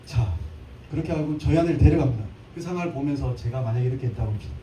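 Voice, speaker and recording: A man's voice: mid-range voice, rapid-fire, mellow, slight background noise. A man in his thirties preaching a live church sermon, playful, with jokes and little acted scenes. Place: church sanctuary. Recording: echoey church hall from a distant mic.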